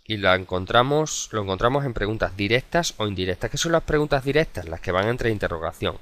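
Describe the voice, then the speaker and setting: A male teacher from gives a recorded video lesson. He explains step by step and fills his pauses with "eh" and "em". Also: fairly low pitch, animated, fairly bright tone. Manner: methodical and explanatory, with frequent hesitation sounds. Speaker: adult education teacher.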